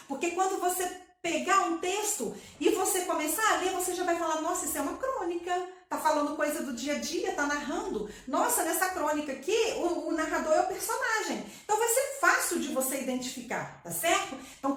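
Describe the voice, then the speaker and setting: Woman, Brazilian accent, teacher, high lively voice, very echoey room. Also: recorded from a distance. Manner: patient, asks the class questions and answers them. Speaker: primary school teacher. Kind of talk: recorded online class.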